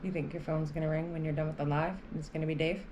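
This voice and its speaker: A woman's voice: low-pitched, level tone, fast, darkish tone, a little hiss or hum. A woman sitting in on a home live stream, making teasing, playful asides to the host. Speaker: host's partner sitting in on the stream. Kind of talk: casual live stream chat.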